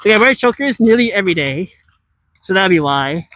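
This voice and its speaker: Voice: mid-range voice, expressive, fairly quick, a bit bright. An IRL streamer chatting casually with viewers while walking and scootering outdoors through a large city, rambling and answering chat as they go.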